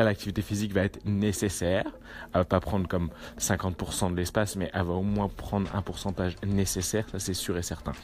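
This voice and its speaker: A man's voice: lowish voice, darkish tone. A man, talking casually as a fitness coach and often checking in with his listeners. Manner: casual and coaching, keeps checking in with the viewers with a tag question. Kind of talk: casual talk to camera.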